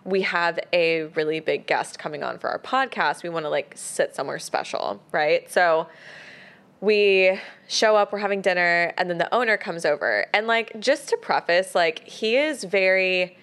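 A young woman co-hosting a podcast in casual chat, relaxed and quick to agree. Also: on the low side. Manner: relaxed, frequent short agreeing replies. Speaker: podcast co-host.

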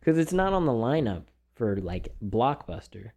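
A man's voice: medium pitch, big pitch swings, moderate pace, darkish tone. A man chatting casually and joking around, at times slipping into a mock Southern drawl. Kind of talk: casual chat.

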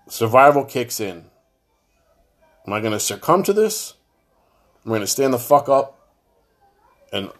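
Blunt heavy-hearted New man. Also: mid-range voice. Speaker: show host talking to fans. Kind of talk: personal monologue to camera.

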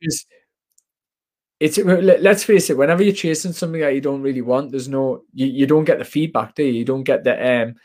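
A man's voice: medium pitch, a little fast, darkish tone. A young British man chatting casually in a blokey, emphatic, sweary way. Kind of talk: casual chat.

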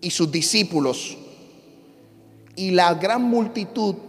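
A man preaching an impassioned sermon, swinging from loud repeated shouts to low storytelling. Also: lively intonation, slow pace, big-room sound, soft background music. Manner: shifts from shouting to hushed storytelling, repetitive cadence. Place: church sanctuary.

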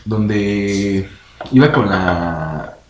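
A man's voice: fairly low pitch, expressive, extremely slow. Mexican guy, chill podcast storytelling, roomy echo, noisy background. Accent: Mexican Spanish. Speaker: podcast co-host. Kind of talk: casual chat. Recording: echoey room with clear background noise.

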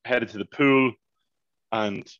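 Animated man telling a story. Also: mid-range voice, slow pace, no room sound, highs cut off. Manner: animated, swears freely, repeats "mayhem" and "unbelievable". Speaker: podcast co-host. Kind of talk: casual storytelling chat.

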